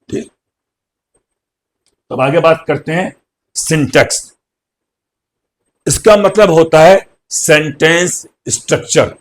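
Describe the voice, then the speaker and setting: Guy explaining grammar in hindi, bit high pitched, keeps asking then answering his own questions. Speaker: English teacher. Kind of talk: classroom grammar lesson.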